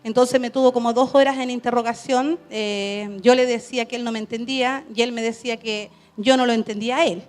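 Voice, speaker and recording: Woman telling an animated church testimony. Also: fairly high pitch, fairly quick, hardly any pauses. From Chile. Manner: animated storytelling with laughter and acted quotes. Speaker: missionary.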